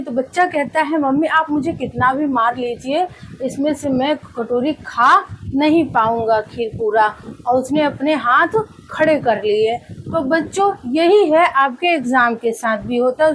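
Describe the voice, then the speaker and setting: A woman's voice: high voice, slight background noise, low-quality recording. A woman teacher telling a story to students as a lesson, often asking them rhetorical questions and calling them children. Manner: addresses listeners as children, asks rhetorical questions.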